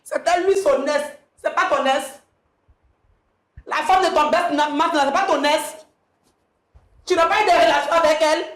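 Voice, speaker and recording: A woman's voice: high-pitched, a little slow, long pauses, roomy sound. A woman on a talk show confronting her husband, repeating her accusations insistently.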